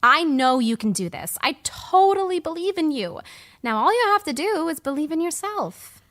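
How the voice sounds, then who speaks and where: Pipp, a bubbly pony pop star. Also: female voice, high-pitched, big pitch swings, normal speed, fairly bright tone. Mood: coaching. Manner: bubbly, showy, encouraging. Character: young female pony pop princess, bubbly and self-assured. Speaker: podcast guest. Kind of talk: scripted cartoon podcast acting.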